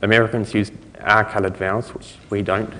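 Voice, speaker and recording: Low-voiced New man lecturing, echoey hall. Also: level tone, pushed and bright. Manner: halting, informal explanatory delivery with trailing thoughts. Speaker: conference speaker. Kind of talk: technical lecture to an audience. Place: conference lecture room, indoors. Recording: reverberant hall recording.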